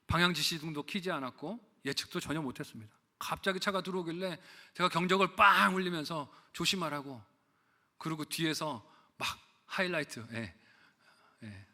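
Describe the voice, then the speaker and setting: A middle-aged man preaches a sermon in a church, his voice bright and sitting a bit high. He carries his point through a personal story, breaking it up with questions to the congregation. Long reverb trails after each phrase. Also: animated, a little fast. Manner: storytelling with quoted asides, rhetorical questions. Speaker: pastor. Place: church sanctuary.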